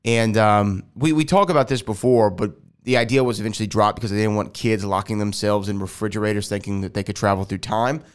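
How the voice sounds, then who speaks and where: Recording at home in the air conditioning, this Houston podcaster talks alone in a loose, rambling style, often fixing what he just said. He's getting over a sinus infection, so there's a nasal quality to his lowish, clear, resonant voice. His delivery is brisk, fairly even in intonation, and almost free of pauses.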